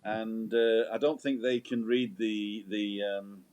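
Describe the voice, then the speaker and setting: A man's voice: fairly low pitch, flat delivery, takes it slowly, a little mellow. A man hosting a live stream in casual, chatty style. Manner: joking, teasing banter. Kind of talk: casual chat. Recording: internal microphone outdoors in wind.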